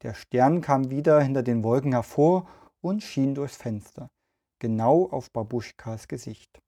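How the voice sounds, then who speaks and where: A man hosting a children's podcast, reading a story aloud in a gentle, even way. He speaks slowly with a mellow, warm tone. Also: mid-range voice.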